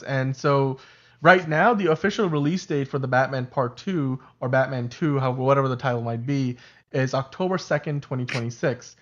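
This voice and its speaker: With a medium-pitched voice whose highs are cut off, an Urdu-speaking man co-hosts a podcast in a casual livestream. He keeps it chatty, frequently correcting himself and breaking into laughter.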